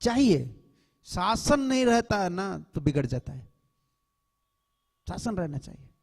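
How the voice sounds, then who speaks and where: A man's voice: high voice, sing-song, takes it slowly, creaky, darkish tone. A man, a swami, giving an earnest temple lecture to devotees, admonishing them and mixing English words into his speech. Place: temple hall. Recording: long hall reverb.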